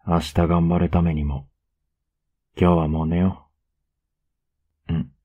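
Very deep, husky younger boyfriend, ASMR role-play, acted by a man, lilt. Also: level tone, takes it slowly, lo-fi sound. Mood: coaxing, doting. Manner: soft, intimate, coaxing murmur. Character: tender, teasing, clingy younger boyfriend cuddling in bed.

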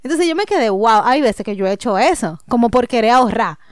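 A woman co-hosting a podcast in casual chat, animated and emphatic, laughing often. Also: a little high, fairly quick. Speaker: podcast co-host.

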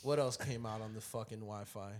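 A man's voice: fairly low pitch, brisk. A man co-hosting a casual podcast chat, laid-back and slangy, swearing freely. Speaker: podcast host.

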